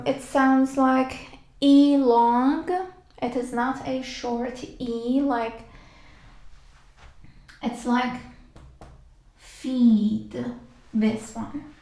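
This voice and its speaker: A woman teaching a language lesson, slowly repeating each word and letter for practice. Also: a little high, reverberant. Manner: patient, repeats words for practice. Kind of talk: slow step-by-step alphabet lesson.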